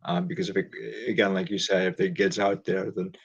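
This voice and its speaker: A man with a lowish, gravelly voice hosts the interview and thinks out loud, pausing and restarting as he looks for words. His audio sounds dull and lo-fi. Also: little pitch movement. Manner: thoughtful, hesitant, searching for words. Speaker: host. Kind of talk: casual interview.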